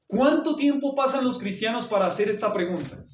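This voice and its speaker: High-voiced pastor preaching in echoey church. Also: male voice, expressive, fairly quick. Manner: asks the congregation questions and answers them. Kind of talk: sermon. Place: church hall. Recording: roomy church hall, mic far off, faint noise.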